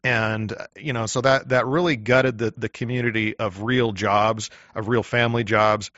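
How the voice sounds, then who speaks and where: A man's voice: fairly low pitch, steady tone, normal speed, fairly bright tone, no echo. A man in his forties from Washington State, a guest talking in casual conversation with many fillers. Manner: chatty, many "you know" fillers. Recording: dull, dry lo-fi sound.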